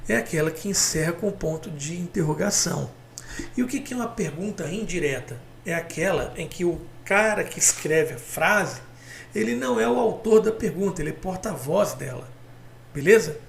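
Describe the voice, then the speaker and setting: A man's voice: high-pitched, animated, moderate pace, vocal fry, slight background noise. A man with a Brazilian Portuguese accent teaching a grammar lesson on video, chatty and direct, calling out to viewers and pointing at examples. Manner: chatty, calls viewers "galera", points things out with "ó".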